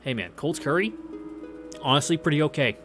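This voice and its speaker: With a fairly high, bright voice, a man reads through a visual novel in an animated, brisk let's play. His casual commentary features wry asides, reactions, and anecdotes set against video game music.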